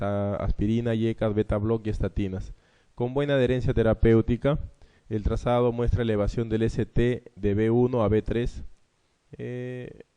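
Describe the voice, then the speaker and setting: A man's voice: medium pitch, mellow, clear, resonant tone. A man with a Peruvian Spanish accent giving an exam review lecture on cardiology, explaining each question and often tagging his points with a rhetorical "¿no?". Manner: explanatory, frequent rhetorical "¿no?" tags. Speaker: medical lecturer.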